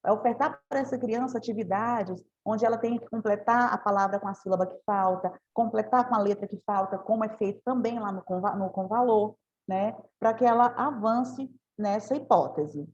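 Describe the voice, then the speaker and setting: A woman's voice: medium pitch, normal speed, few pauses, a little mellow, muffled recording. A woman giving a teacher training talk, explaining step by step and often adding tag questions.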